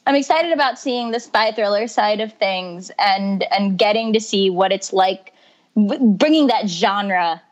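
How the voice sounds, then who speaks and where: An eager young woman co-hosting a casual podcast. She talks in an easy, conversational way. Her voice sits at an average pitch for a woman. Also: a little slow. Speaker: podcast co-host. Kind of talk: casual chat.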